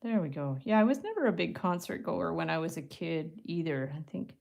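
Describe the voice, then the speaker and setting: A woman's voice: fairly low pitch, expressive, fairly quick, vocal fry. Woman murmuring through a craft demo. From Canada. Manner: chatty, drops to a soft murmur or whisper while concentrating on her hands. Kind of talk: live craft tutorial, thinking aloud while working.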